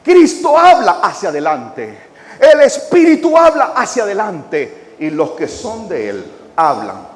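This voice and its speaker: A high-voiced man preaching a sermon in a big, echoing church hall. He talks slowly, stretches his phrases, and makes the congregation say his lines back. His pitch swings widely between hushed words and shouted high points. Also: huge pitch swings. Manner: calls the congregation to repeat phrases; swings from quiet drawn-out phrases to shouted emphasis. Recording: echoey hall.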